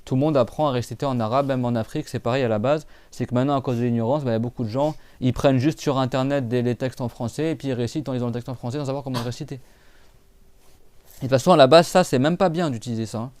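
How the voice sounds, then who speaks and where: Guy teaching recitation, smooth clear voice, dead dry sound, chatty with lots of fillers. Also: mid-range voice, rapid-fire, hardly any pauses, darkish tone, dry recording. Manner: patient, repeats and drills sounds; casual spoken French with many fillers. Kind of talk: live class explanation.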